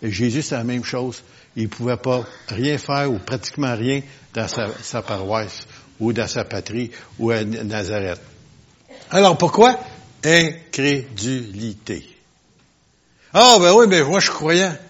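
Preacher with booming emphatic bursts. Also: male voice, measured pace, slight background noise. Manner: swings from quiet asides to loud emphatic bursts; conversational, questions the congregation. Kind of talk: sermon. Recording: lo-fi, dull sound.

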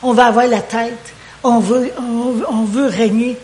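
Animated Québécois woman preaching. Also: a little high, unhurried. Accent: Québécois French. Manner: animated, acts out quoted prayers and dialogue; repeats words while searching for phrasing. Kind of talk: sermon.

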